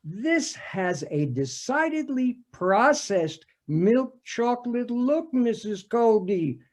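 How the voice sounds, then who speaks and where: In a comic readers theater sketch, a man plays a suspicious police detective who is formal and pompous, speaking very slowly and deliberately. His pitch wanders widely in a sing-song way as he picks through wordy, hesitant phrases, with a darkish tone and an exaggerated voice.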